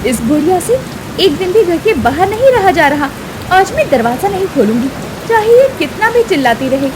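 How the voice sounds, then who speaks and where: A woman's voice: very high-pitched, big pitch swings, normal speed, noisy background, voice pushed up. A woman voicing a scheming, cruel young daughter-in-law in a storybook tale, talking in a sly, scolding way. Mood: sharp.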